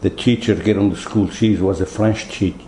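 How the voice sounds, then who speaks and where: An older man from Portugal with a Portuguese accent, telling his story in an interview in halting, broken English with many repeated words. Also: low voice, steady tone, warm tone, reverberant, a little hiss or hum, low-quality recording. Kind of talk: oral history interview.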